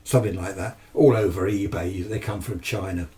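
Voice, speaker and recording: Recorded indoors in his home radio shack on a distant microphone with noisy room ambience, this British ham radio hobbyist speaks in a warm, low voice. His delivery is fairly even and runs at a normal speed. The talk is unscripted and chatty, wandering yet matter-of-fact.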